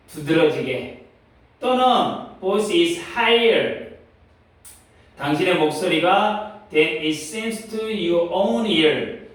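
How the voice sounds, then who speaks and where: A man teaches an exam reading passage, reading the English slowly and asking quick rhetorical questions as he explains. His voice sits high and he speaks at a slow pace overall. It comes across echoey and from a distance, as if the mic sits across a bare room. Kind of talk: exam passage walkthrough lesson.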